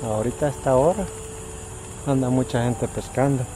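A man's voice: mid-range voice, moderate pace. A man in his thirties chatting casually to viewers on a night exploration vlog, holding the camera while walking outdoors. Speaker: vlogger. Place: outdoors at night in a grassy area. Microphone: handheld camera at arm's length. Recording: outdoor recording with faint background noise, insects. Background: crickets and insects.

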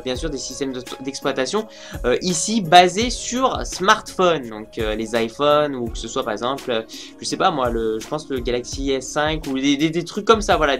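Young guy gaming youtuber, kinda high voice, rambles w tons of fillers, soft music behind. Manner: rambling, many fillers and restarts. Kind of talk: casual video commentary.

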